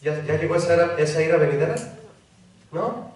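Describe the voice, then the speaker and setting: A pastor preaching a sermon, acting out the voices of a pleading child and a parent. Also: male voice, on the high side, fairly quick, darkish tone. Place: church hall. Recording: very echoey hall, mic far off.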